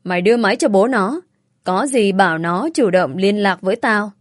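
A woman voicing a rough female kidnapper who barks orders impatiently, in a dry recording. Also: mid-range voice, dry recording, natural voice. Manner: rude and hurried.

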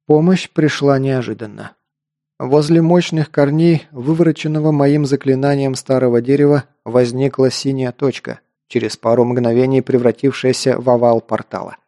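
A man narrating a first-person fantasy action audiobook, steady storytelling that lifts into louder voiced dialogue. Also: medium pitch, moderate pace, no echo, studio quality.

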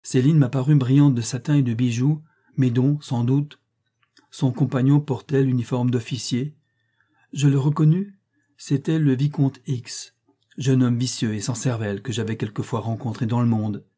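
A man reading the lines of a brooding, bitter middle-aged gentleman in a slow, declamatory way. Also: medium pitch, steady tone, breathy edge, lightly acted. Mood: recounting.

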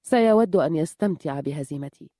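A woman voicing a weary, grim woman who leads a village of outcasts, speaking gravely. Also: low voice, expressive, fairly quick, mellow, dry recording, clean studio sound. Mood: resolute. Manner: grave, somber delivery.

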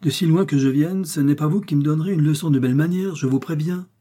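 A man's voice: medium pitch, lively intonation, moderate pace, dark tone, breathy edge. A man reading an audiobook, voicing a hot-headed young male swordsman who speaks with impatience and indignation. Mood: indignant.

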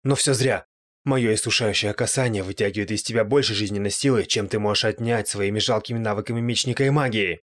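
A man's voice: lowish voice, fast talker, a bit bright. A man voicing a gloating, spiteful male ghost in an audiobook, with a raised, strained, taunting voice. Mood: angry.

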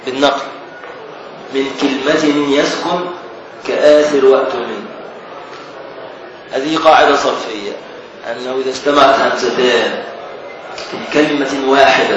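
Egyptian sheikh teaching in an echoey hall. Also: male voice, medium pitch, lo-fi sound. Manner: explains slowly, repeats key words, asks students questions. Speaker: sheikh teaching a classical text. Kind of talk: Islamic scholarly lesson. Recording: echoey distant recording with noise.

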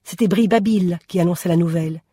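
A reader giving a steady radio drama reading, rising for dramatic moments. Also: medium pitch, quick pace, slightly rough, no room sound, studio quality. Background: music.

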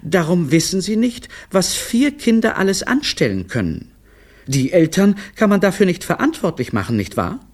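A man voicing a flustered, scolding mother of four in a shrill voice. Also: big pitch swings, moderate pace. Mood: pleading.

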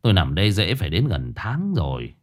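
A man playing a middle-aged male patient who complains in a plaintive, grumbling tone. The voice is deep but the pitch rises and falls with feeling. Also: huge pitch swings, brisk.

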